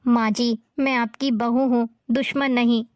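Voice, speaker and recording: A woman's voice: fairly high pitch, level tone, unhurried, darkish tone, no room sound, lightly acted. A woman playing a young pregnant daughter-in-law who pleads politely in a family drama. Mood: pleading.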